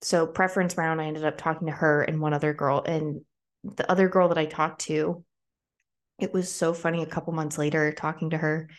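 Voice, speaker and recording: A young woman in her twenties talks through a personal story on a podcast, her voice sitting a little low for a woman. She rambles casually, leans on "like" as a filler, and slips into quoted voices as she goes. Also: little pitch movement, a little fast. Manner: chatty, frequent "like" fillers, acts out quoted voices. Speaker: podcast host.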